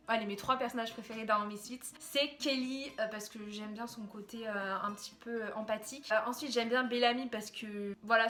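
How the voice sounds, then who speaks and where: Her voice sits on the high side and sounds a bit bright as this young Frenchwoman, a YouTuber, chats to camera about TV shows. The talk is casual and loaded with fillers and restarts, recorded in an echoey room.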